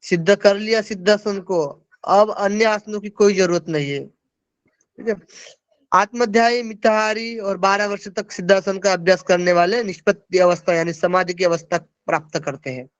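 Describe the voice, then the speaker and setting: High-voiced man teaching yoga online. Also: steady tone, normal speed, dry recording, dull audio. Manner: explains verses, checking in with listeners. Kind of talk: online class lecture.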